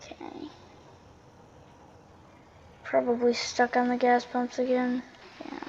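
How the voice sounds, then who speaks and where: A woman giving casual, chatty gameplay commentary, often half to herself, her volume swinging between muttering and loud exclamation. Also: a little high, completely flat delivery, slow pace, slight background noise. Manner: chatty running commentary, often talking to self. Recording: dull lo-fi microphone sound.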